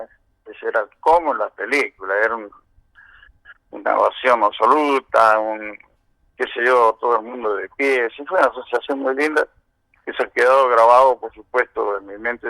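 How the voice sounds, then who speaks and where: Older Argentine man with a bright voice. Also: medium pitch, no echo, rough recording. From San Juan, Argentina. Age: 70s. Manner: long storytelling turns full of "este" and "eh". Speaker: interviewee, veteran rock musician. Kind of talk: reminiscing interview answers.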